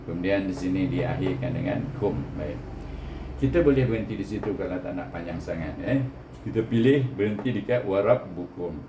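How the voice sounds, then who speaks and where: A Malaysian man with a fairly low voice gives a step-by-step recitation lesson. He over-enunciates, sounding out each syllable with a teacher's care. The room is clearly echoey, with faint noise behind him. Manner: didactic, often ends points with a short "eh" tag. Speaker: Quran reading teacher.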